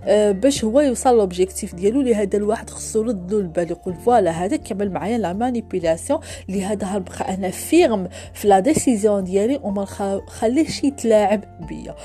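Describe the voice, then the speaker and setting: A woman's voice: quick pace, warm tone, soft background music. A woman with a Moroccan Arabic accent hosting an advice podcast on relationships, mixing French phrases in and acting out quoted speech. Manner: acts out quoted speech with rising pitch. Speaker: podcast host.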